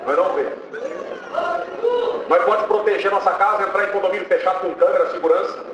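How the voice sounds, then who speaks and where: A man's voice: high voice, fairly even intonation, very fast, far from the mic. A Brazilian man with a Brazilian Portuguese accent, giving a fervent church testimony that he keeps breaking up with cries of praise. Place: church hall. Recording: muffled, echoey church hall with noise.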